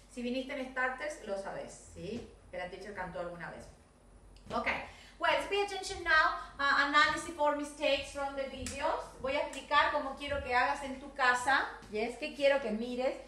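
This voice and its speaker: A high, bright-voiced Argentine woman teaches English to small children, slowing down to drill phrases and sometimes singing. She sounds far from the mic in a very echoey room with faint noise behind her. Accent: Argentine Spanish. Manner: sings songs, drills sentences slowly for children. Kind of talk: online video class.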